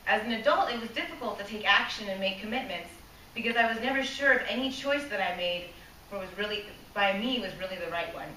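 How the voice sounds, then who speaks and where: A woman speaks fast in a pushed, bright, medium-pitched voice, giving a prepared club speech that's earnest and direct. She asks the audience questions and at times loses her place and restarts; the recording is distant and echoey with a faint hiss.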